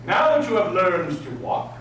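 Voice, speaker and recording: A man's voice: sits high, sing-song, normal speed. A man teaching an etiquette class live, speaking with prim, precise enunciation and formal, old-fashioned politeness. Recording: very echoey room, distant mic, faint noise.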